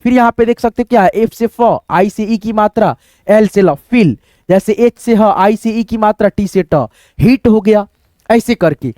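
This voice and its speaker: A man's voice: high voice, normal speed, warm tone, no room sound. Casting: man as patient English teacher, spells words letter by letter, dry close room. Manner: spells words letter by letter, repeats them, addresses viewers as friends; patient, repetitive. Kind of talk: spoken phonics lesson at a board.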